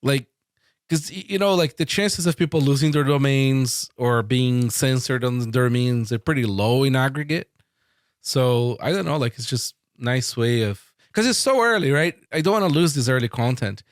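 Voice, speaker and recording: A man from Brazil, hosting a casual tech podcast, enthusiastic and quick to laugh. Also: medium pitch, dry recording, studio quality. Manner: enthusiastic, laughs often, repeats words. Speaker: podcast host.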